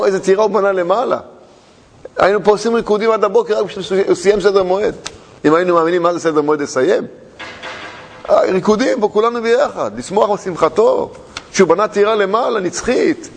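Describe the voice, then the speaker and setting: A man's voice: high voice, long reverb tail. A man teaching a religious lesson as a rabbi, firing rhetorical questions and using playful repetition and wordplay.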